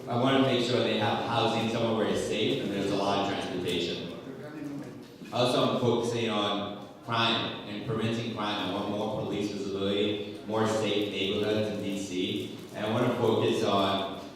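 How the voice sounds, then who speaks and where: Young guy running for council, low voice, sounds far off in a big echoey hall. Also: fairly even intonation. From Washington DC. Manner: earnest, halting with fillers. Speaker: political candidate. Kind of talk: candidate forum introduction. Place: community center hall.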